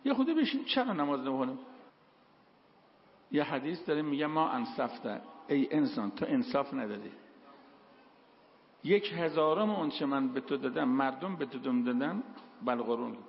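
A man's voice: medium pitch, creaky, slight background noise. A man preaching a sermon, telling stories and quoting verses. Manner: storytelling, quotes Quranic verses. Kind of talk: sermon with told anecdotes. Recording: echoey hall, dull lo-fi sound.

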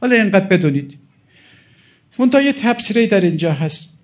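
Preaching a sermon, this middle-aged cleric cites Arabic texts and interprets them with emphasis and pleading. He has a high voice that swings widely in pitch.

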